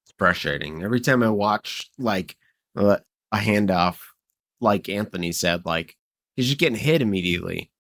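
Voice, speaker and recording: A man with a low voice cuts in with blunt, wry remarks during a casual football talk. The recording is dry and close-miked. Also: animated, normal speed, a bit bright, no room sound. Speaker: podcast co-host. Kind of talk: casual sports chat.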